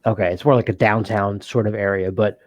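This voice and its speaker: A man's voice: on the low side, steady tone, fairly quick. A man co-hosting a casual board game podcast, rambling with many fillers and frequent laughs. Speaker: podcast co-host. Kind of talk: casual chat.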